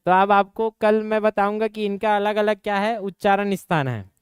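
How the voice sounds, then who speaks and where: Man, Chhattisgarhi accent, coaching class teacher, slight nasal ring, asks the class questions, clean crisp voice, dry close sound. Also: high-pitched, fairly even intonation, no room sound, soft background music. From Chhattisgarh, India. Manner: asks the class quick check questions, then answers them; slips into regional dialect. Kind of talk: exam coaching class lecture.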